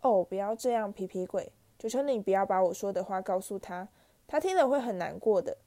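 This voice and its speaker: A woman's voice: mid-range voice, animated, brisk, dark tone, natural voice. A woman voicing an anxious, clever schoolgirl who pleads nervously in a storybook reading. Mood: pleading.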